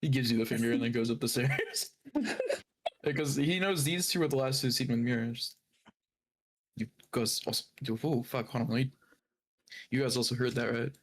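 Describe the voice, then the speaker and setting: A man's voice: medium pitch, normal speed, long pauses, slightly rough. Guy playing dnd, chill mid voice, eating and cussing while he talks. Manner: casual, swears often, talks while eating. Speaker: player. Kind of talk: casual tabletop role-play.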